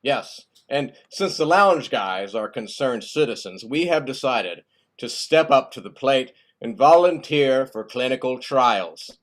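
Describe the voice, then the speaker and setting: A man's voice: mid-range voice, expressive, a little slow. A man co-hosting a comedy show on a video call, breezy and pushy, who keeps asking "all right?". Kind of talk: comic banter on a video call.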